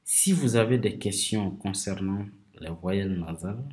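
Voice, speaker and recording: A man teaching a video language lesson, explaining slowly and patiently and repeating example words clearly. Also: deep voice, darkish tone. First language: Bambara.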